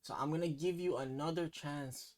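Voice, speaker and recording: A man's voice: on the high side, steady tone, moderate pace. A man with a Toronto accent casually hosting a slang quiz, teasing and mock-stern in slangy banter. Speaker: quiz host.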